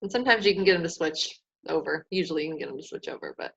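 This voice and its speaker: A woman's voice: very fast, gravelly, fairly bright tone, slightly rough. Chatty woman on a lo-fi call. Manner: chatty, laughs often, quotes herself in higher voice. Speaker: team call host. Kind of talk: casual team call chat. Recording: dull lo-fi call audio.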